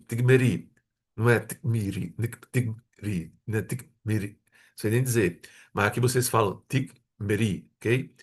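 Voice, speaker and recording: A man's voice: medium pitch, breathy edge. A man from Brazil, teaching a grammar lesson, patiently repeating words and checking in with his students. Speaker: Hebrew teacher.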